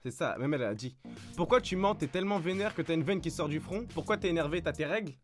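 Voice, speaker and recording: A man doing a comic reading with animated, swearing, mock-indignant asides. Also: a little high, quick pace, faint music behind. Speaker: YouTuber reading fan fiction aloud.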